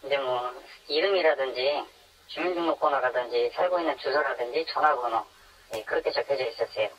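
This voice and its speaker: A man in his 20s, his voice electronically disguised, describes his time as an anonymous phone interviewee, heard on radio through a dull, narrow line. He speaks a little fast in a mid-range voice that is fairly bright and slightly rough.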